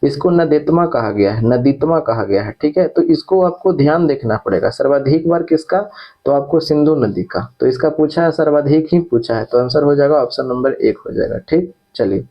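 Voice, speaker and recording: A man's voice: fairly high pitch, expressive, moderate pace. Man teaching exam prep, lo-fi sound. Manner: repeats key terms, checks with "ठीक है".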